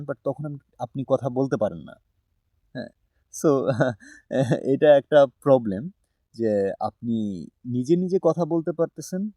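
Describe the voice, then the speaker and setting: A young man, giving a casual spoken-English lesson in a relaxed, conversational way, often checking in with "haan?" and pausing on "ah". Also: mid-range voice, no room sound, clean studio sound. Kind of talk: casual talk-through lesson.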